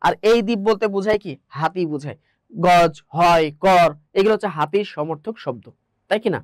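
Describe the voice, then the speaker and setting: High-voiced Bangladeshi teacher drilling questions. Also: male voice, fairly quick, no room sound. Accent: Bangladeshi Bengali. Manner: drills points with rhetorical questions, repeats answers. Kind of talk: exam-prep lecture.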